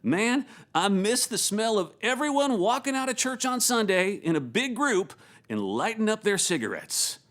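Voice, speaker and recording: A man's voice: high-pitched, big pitch swings, moderate pace, a bit bright, voice pushed up. A man doing an imitation North Carolina accent, voicing a laid-back male church worker from tobacco country. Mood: nostalgic. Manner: laid-back, enthusiastic about smoking.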